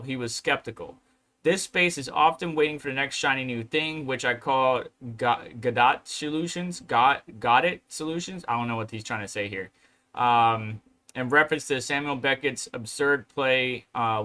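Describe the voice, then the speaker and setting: Bright-voiced man hosting a livestream. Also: medium pitch. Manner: rambling, reads articles and chat aloud with asides. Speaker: crypto livestream host. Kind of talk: casual livestream chat.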